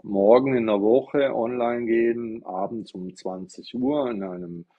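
A man's voice: medium pitch, wildly swooping pitch, measured pace, creaky, phone-quality sound. A man from southwest Germany giving a casual, rambling live-stream monologue into an iPad. He explains things and asks himself rhetorical questions as he goes. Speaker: livestreamer talking about Buddhism.

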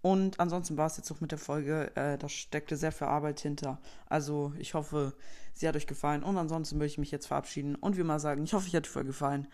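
A male podcast host opens and closes an episode in a casual, upbeat style, leaning on the same stock phrases again and again. His voice sits a touch higher than most men's. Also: fairly even intonation, fast talker, a little mellow. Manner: upbeat, repeats filler phrases. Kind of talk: casual podcast intro and outro.

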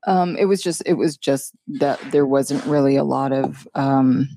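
A middle-aged woman telling her personal story in a podcast, halting with many fillers and a wry edge. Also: a bass voice, mellow, dry recording. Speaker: guest.

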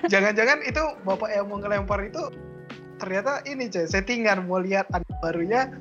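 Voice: mid-range voice, brisk, a bit bright. A host in casual chat, reacting with short interjections and teasing jokes. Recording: dull lo-fi sound with clear music behind.

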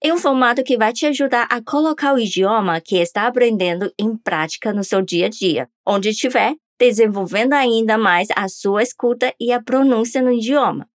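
A woman's voice: a little high, normal speed, hardly any pauses, dry recording, clean studio sound. A woman teaching a pronunciation lesson on a podcast, upbeat and coaxing listeners to repeat after her. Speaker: language teacher.

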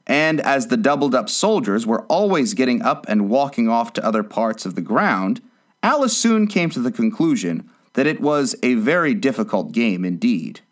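Lively male storybook narrator. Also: medium pitch, normal speed. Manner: lively, expressive reading. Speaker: audiobook narrator. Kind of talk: storybook reading.

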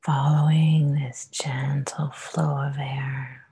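A woman whispering a guided meditation, soft and soothing with long pauses. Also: rumbling low, little pitch movement, slight background noise.

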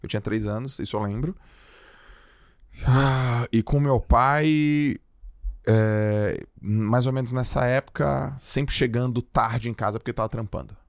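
A man from Brazil, a podcast guest, telling stories in a casual, slangy, animated way. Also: mid-range voice, unhurried, dry recording, clean studio sound. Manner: slangy, animated, acts out quoted voices.

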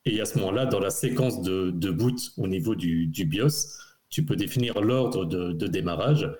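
A man's voice: deep voice, normal speed, a little mellow. A man on a casual tech podcast giving a technical explanation. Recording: roomy echo.

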